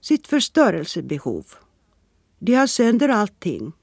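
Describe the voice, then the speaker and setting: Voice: mid-range voice, huge pitch swings, creaky, no echo, clean studio sound, heavily acted. A reader voicing a teasing male pub companion with a mock-alarmed manner, in a storybook reading.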